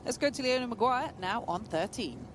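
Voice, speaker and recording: A golf commentator giving measured live tournament play-by-play and handing over to colleagues. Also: mid-range voice, animated, background noise. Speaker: golf commentator, lead announcer.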